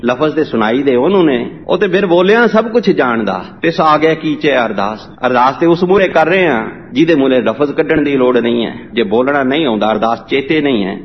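A man teaching scripture, explaining hymns line by line and repeating the verses slowly and emphatically. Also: medium pitch, breathy edge. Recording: dull lo-fi with faint noise.

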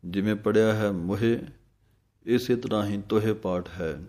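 A man teaching correct recitation of scripture, drawing out each verse slowly and then explaining how to pronounce it plainly. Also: on the low side, dark tone. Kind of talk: slow, careful recitation lesson.

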